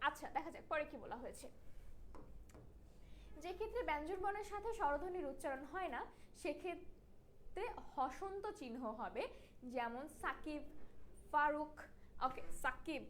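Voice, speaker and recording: A woman's voice: very high voice, a bit bright, slight background noise. A young woman from Bangladesh teaching a Bangla class online, explaining patiently and checking in with her students. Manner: explanatory, checks in with tag questions.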